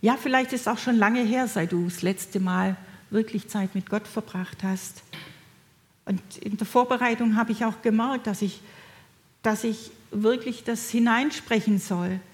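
A middle-aged woman preaching a sermon in a gentle, encouraging way, speaking directly to her listeners. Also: on the high side, measured pace.

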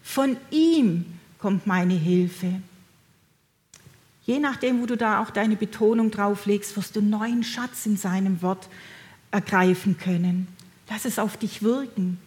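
Middle-aged woman giving a sermon, warm-hearted direct address, average pitch. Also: fairly even intonation, moderate pace. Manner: gentle, encouraging, speaks directly to listeners. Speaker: preacher.

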